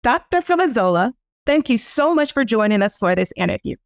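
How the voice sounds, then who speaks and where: A woman's voice: on the high side, very animated, a little fast, no echo. A woman who directs programs, hosting an interview with a formal, polished, scripted delivery. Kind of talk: scripted introduction and interview questions.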